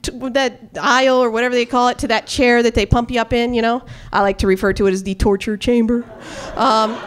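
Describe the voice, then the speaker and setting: A young woman performing a stand-up comedy routine on a club stage, telling stories with acted-out quotes into a handheld mic. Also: sits high. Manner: animated storytelling with acted-out quotes and gestures.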